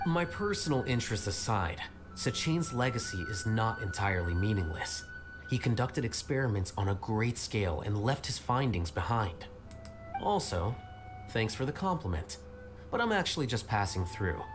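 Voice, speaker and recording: A coolly sardonic male scholar from a video game. The voice is lowish, dry, formal and detached, with clear music playing behind it. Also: very animated, normal speed. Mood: dry, aloof.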